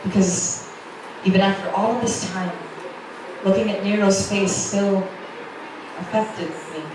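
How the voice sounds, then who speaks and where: A woman reads a romance novel excerpt aloud as a dramatic literary reading, narrating in the first person with a steady, medium-pitched voice at a slightly slow pace. The recording has a roomy echo, a distant mic, and a noisy background.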